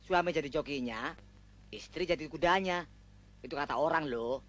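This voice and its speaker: A man's voice: on the high side, normal speed, a bit bright, a little hiss or hum, natural voice. An actor playing a cocky young man who bosses and teases his friend, barking exercise counts and lecturing him in a film comedy. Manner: bossy, teasing, barks exercise counts. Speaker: friend coaching a groom. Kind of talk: 1980s film comedy acting.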